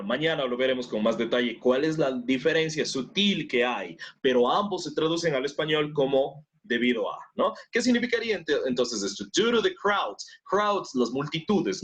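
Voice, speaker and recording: A man teaching an online English class, his voice rising and falling in a lively way. He explains words in with English examples and keeps asking whether the students follow. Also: mid-range voice. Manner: explains in Spanish and English, checks in with "¿no es cierto?".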